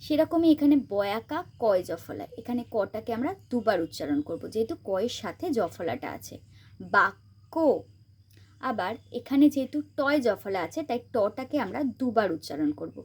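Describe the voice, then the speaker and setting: A woman teaches a pronunciation lesson, her voice a little husky and set somewhat high. She explains each rule step by step and slowly repeats the example words. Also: very animated, mellow. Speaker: teacher, channel host. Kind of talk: spoken grammar lesson.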